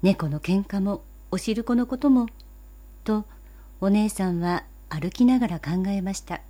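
Casting: woman storyteller, warm, mellow, gentle and even, reading a children's tale aloud. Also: medium pitch, measured pace. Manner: gentle, even, old-fashioned polite narration. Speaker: narrator.

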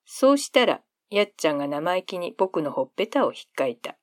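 A woman narrating a classic short story in a calm storytelling manner. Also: fairly low pitch, a little fast, no room sound, clean studio sound.

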